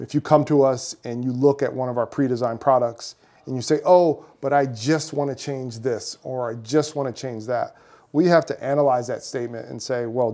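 In an office meeting room, a man in his thirties who builds and founded his own firm earnestly explains his work in interview answers. His voice is mid-range with a dark tone, and he uses some fillers.

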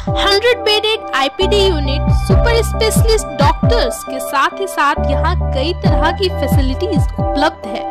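Brisk woman reading ad copy over music. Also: very high voice. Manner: brisk promotional read. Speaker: advertisement voice-over. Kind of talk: scripted ad voice-over.

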